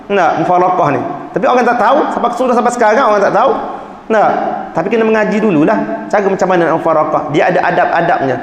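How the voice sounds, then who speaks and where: A man teaches a religious book lesson in a mosque. He explains points conversationally and keeps checking in with his listeners. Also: sits high. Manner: conversational teaching, fillers like "nah", "ha", "tak?". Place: mosque hall. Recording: echoey hall with long reverb.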